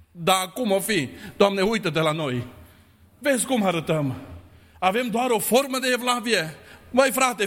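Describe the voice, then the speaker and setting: An older man preaching a fervent sermon, acting out the voices of the people in his stories. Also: a bit bright. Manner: fervent, acts out voices, swings pitch. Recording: long hall reverb.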